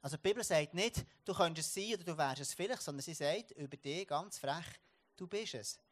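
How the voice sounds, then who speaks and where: A Swiss German man preaches in a fairly high voice. He tells a story from daily life with many restarts and repeated words, then turns it into a sermon for his congregation. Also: fairly quick, fairly bright tone.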